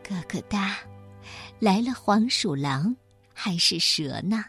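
A woman voicing an old speckled mother hen, soft-spoken and low. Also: expressive, slow pace, husky, soft background music, exaggerated voice. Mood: curious.

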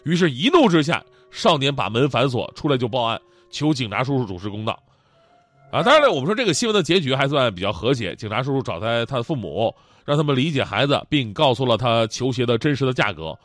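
A man's voice: medium pitch, quick pace, no room sound. A man, hosting and telling funny stories lots of laughter. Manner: animated, joking, laughing often. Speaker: host. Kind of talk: comedic storytelling.

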